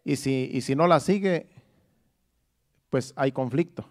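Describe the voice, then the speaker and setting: This middle-aged man preaches a sermon in a mid-range voice that's slightly mellow, moving at a slow pace. His delivery is earnest and personal, like a testimony, and he keeps restarting his phrases.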